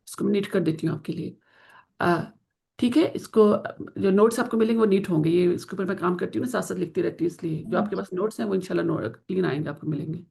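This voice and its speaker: A woman teaching Quranic Arabic grammar in an online class, explaining in Urdu mixed with English and slowly drawing out the Arabic example words. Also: on the low side, vocal fry, warm tone. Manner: slow drawn-out pronunciation of Arabic example words, asks students to confirm.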